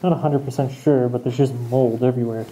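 A man's voice: medium pitch, steady tone, fairly quick, warm tone, poor audio. A young man casually narrating a walk through an empty abandoned house, thinking aloud and laughing easily while wearing a respirator. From Canada. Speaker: urban explorer host. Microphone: camera mic, wearing a respirator mask.

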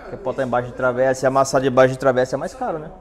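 A Brazilian man in his forties, wearing a lapel mic, teaches a hands-on paintless dent repair class in a large workshop, explaining and pointing at a car. He talks very fast in a medium-pitched, fairly even voice with a Brazilian Portuguese accent.

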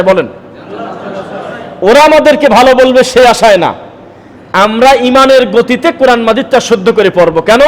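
Man, preacher, high voice, rhetorical questions, long hall reverb. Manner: forceful rhetorical questions to the crowd. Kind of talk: sermon.

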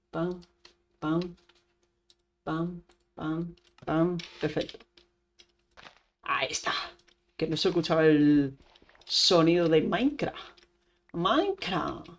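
A woman with an accent from Spain giving casual, chatty let's-play commentary, talking straight to her viewers and using lots of playful diminutives. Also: on the low side. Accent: Spain Spanish. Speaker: gaming channel host.

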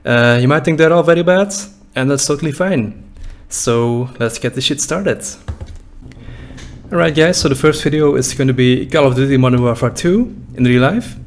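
A young Belgian YouTuber with a Dutch-speaking accent gives loose, profane reaction commentary on his old videos, laughing and joking throughout. He speaks at normal speed in a mid-range voice, with slight background noise. His setup is a desk boom mic with headphones in a small room.

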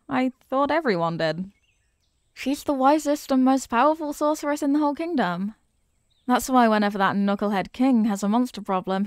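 In a scripted ASMR roleplay, a woman voices a young apprentice witch chatting with the listener. Her high-leaning voice sounds eager and expressive, kind but teasing, and natural. The recording is close and dry, with no room sound and no echo.

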